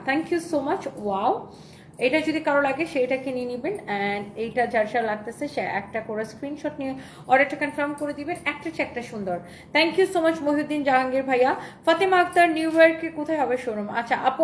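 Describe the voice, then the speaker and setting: High-voiced woman selling dresses live. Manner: reads viewer comments, thanks them, shows dresses; mixes English phrases into speech. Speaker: online clothing seller. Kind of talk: live sales stream. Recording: echoey room with faint noise.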